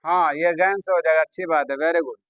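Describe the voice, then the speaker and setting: A man's voice: fairly high pitch, fairly even intonation, brisk, a bit bright, dry recording. A man teaching an Urdu vocabulary class, chatty and coaxing, often praising his students. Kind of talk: classroom lesson.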